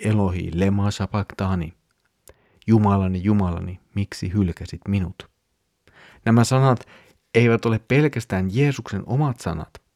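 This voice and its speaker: A man hosting a Bible podcast, reading scripture aloud and explaining it in a calm, measured way. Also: lowish voice, vocal fry, dry recording, studio quality.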